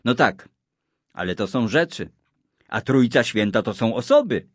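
A man's voice: medium pitch, very animated, unhurried, no room sound, studio quality. Man doing Kuba, a curious young boy. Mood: wondering.

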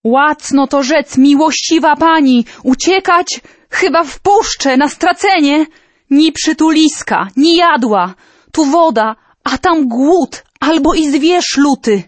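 A woman's voice: high voice, sing-song, takes it slowly, pauses often, darkish tone, no echo, voice pushed up, heavily acted. A woman voicing a frightened, pleading middle-aged townsman in a storybook reading. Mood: fearful. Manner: anxious, pleading, raised voice.

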